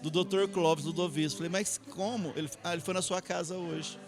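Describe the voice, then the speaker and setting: A man's voice: on the high side, steady tone, quick pace. A middle-aged Brazilian man, an artist guest, telling his life story in a rambling way, often ending phrases with tag questions. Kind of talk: interview storytelling. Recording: music playing behind.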